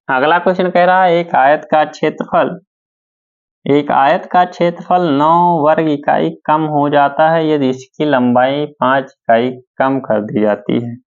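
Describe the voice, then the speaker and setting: A male math teacher, working through problems step by step and asking questions back to his students. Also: a little high. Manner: slow, repeats steps and asks questions back to students. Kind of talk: board-work math lesson. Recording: dull lo-fi sound.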